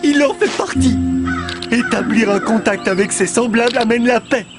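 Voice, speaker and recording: An actor playing an earnest nature lover in a cartoon dub, with a solemn, coaxing manner. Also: male voice, very high voice, moderate pace. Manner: solemn, coaxing, speaks of self in third person. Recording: loud music under the voice.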